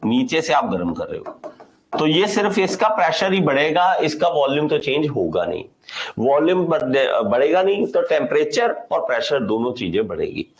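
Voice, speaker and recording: Animated Indian male engineering teacher. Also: fairly high pitch, low-quality recording. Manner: animated explaining, repeats and quizzes the class; slow dictation when reading out a definition. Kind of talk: classroom lecture.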